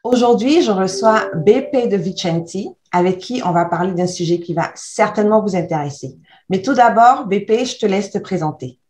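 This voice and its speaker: A woman hosting a podcast interview, asking clear, structured questions and summing up. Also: mid-range voice, normal speed, a little mellow. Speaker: podcast host.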